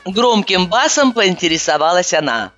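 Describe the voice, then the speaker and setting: A woman reading a comic first-person audiobook with animated, exasperated outbursts. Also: fairly low pitch, moderate pace, muffled recording, faint music behind. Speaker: audiobook narrator.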